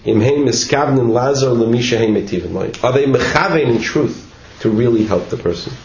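A man's voice: medium pitch, brisk, darkish tone. A man teaching a text study class, reading passages and explaining them in an informal way, often asking "right?". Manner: informal, repeats words, asks "right?" often. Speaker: teacher giving a Torah class. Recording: echoey room, dull lo-fi with faint noise.

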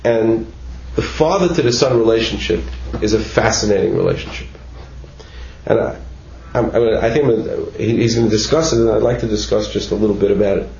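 Gravelly-voiced teacher in an echoey room. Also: male voice, on the low side, fairly quick, a little mellow. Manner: informal, repeats words, asks "right?" often. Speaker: teacher giving a Torah class. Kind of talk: text study lesson, reading Hebrew and explaining in English. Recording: echoey room, dull lo-fi with faint noise.

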